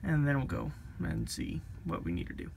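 A DIY car vlogger with a higher-pitched male voice talks at a moderate pace, his pitch swinging hugely and dropping into vocal fry. Filmed on a handheld phone, he casually rambles through a car repair step by step, thinking aloud with lots of ums. It starts in a moving car and moves outdoors beside it at night, with loud road and engine noise throughout.

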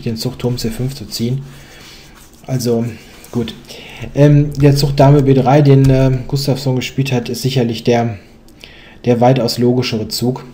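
A man's voice: medium pitch, mellow. A young man commentating a chess game, explaining moves thoughtfully with many hesitant fillers.

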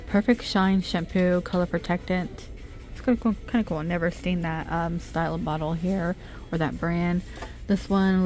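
A middle-aged woman with a fairly low, slightly mellow voice narrates a casual shop-with-me vlog in a department store, filming on a handheld phone camera. She reads out product names and prices while browsing, and there's a little hiss or hum in the audio.

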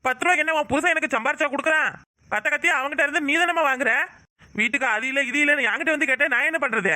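A woman's voice: high-pitched, very fast. A woman with a Kanyakumari Tamil accent voicing a stingy but kindly old village father-in-law in a cartoon, grumbling and mildly scolding. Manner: grumbling, then gently scolding. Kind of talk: cartoon voice acting.

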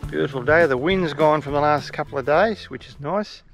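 An older Australian man with a relaxed, laid-back manner, chatting casually to camera as a travel vlogger outdoors. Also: on the high side, fairly quick, music in the background. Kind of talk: casual vlog narration to camera. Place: outdoors at bush campsites and lakeside.

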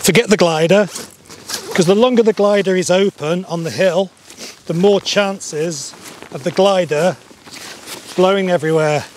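A middle-aged man giving a relaxed paragliding lesson step by step on an open hillside, wearing a clip-on mic. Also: a little high, slight background noise. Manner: relaxed, chatty, explains step by step. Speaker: paragliding instructor. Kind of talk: outdoor tutorial. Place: open grassy hillside outdoors.

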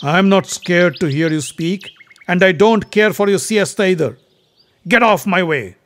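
A man voicing a proud, hot-tempered young warrior prince who speaks loudly and commandingly in a storybook tale. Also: high-pitched, measured pace, pitched above the performer's own voice. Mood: defiant. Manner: loud, commanding, defiant. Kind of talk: storybook narration.

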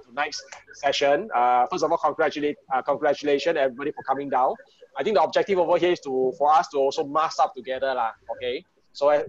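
A Singaporean man with a fairly high voice hosts an online gathering in casual Singlish. The sound is dull and lo-fi, like a video call from a room at home. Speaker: host of an online group party. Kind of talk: casual, informal hosting with Singlish particles.

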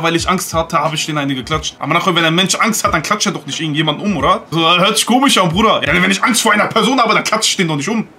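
Fast, bright-voiced man ranting. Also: a little high, a little hiss or hum. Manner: blunt, slangy, mocking, repeats catchphrases. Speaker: reaction streamer. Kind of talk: reaction commentary.

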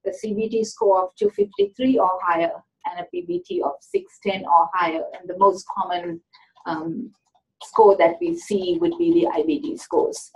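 In an informational webinar, a female admissions presenter explains admission requirements step by step, often saying "um." Her fairly low, darkish voice is expressive and moderately paced, and the audio is dull and lo-fi.

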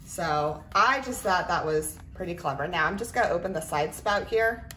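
A woman's voice: lowish voice, lively intonation, normal speed. A woman giving a casual, chatty product demonstration at a tabletop while handling small clicking items. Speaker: craft product reviewer. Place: indoors at a tabletop, roomy. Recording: roomy, distant mic, faint noise, clicking. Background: clicks and rattles of handled items.

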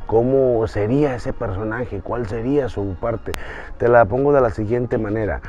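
A man casually teaching voice acting online, animated and speaking straight to the viewer. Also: moderate pace. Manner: animated, talks straight to the viewer, jumps between pitches. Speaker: voice-acting teacher, channel host. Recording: dull lo-fi sound with faint music.

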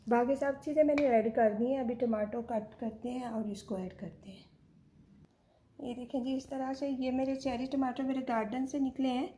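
A woman's voice: on the high side, warm tone, a little hiss or hum. A woman hosting her own home cooking channel, walking viewers through a recipe step by step in a chatty way and slipping English words into her speech.

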